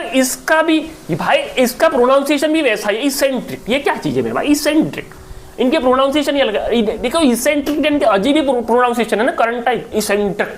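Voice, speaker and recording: A man with an Indian accent teaching English vocabulary in a lively, chatty online lecture, repeating words aloud and calling listeners brother. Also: high-pitched, slight background noise. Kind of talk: online exam-prep lecture.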